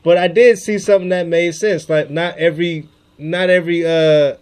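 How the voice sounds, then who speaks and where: A man hosting a casual podcast over a video call, arguing loudly and cursing often. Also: on the high side, fairly even intonation, normal speed, clean tone. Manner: loud, profane and argumentative. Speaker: podcast host.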